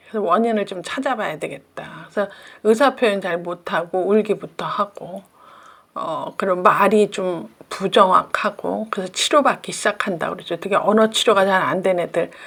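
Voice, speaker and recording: A woman's voice: medium pitch, gravelly. A middle-aged woman, a professor, giving a casual talk on parenting advice and acting out little scenes between mother and child.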